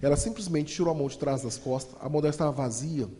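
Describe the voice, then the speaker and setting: A Brazilian man with a Brazilian Portuguese accent tells his story to a crowd, lively and direct with the audience. His voice is mellow yet sits a little high. A long hall reverb trails every phrase. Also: very fast. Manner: lively, acts out voices, addresses audience as "gente". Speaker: motivational speaker and storyteller. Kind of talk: dramatic motivational storytelling.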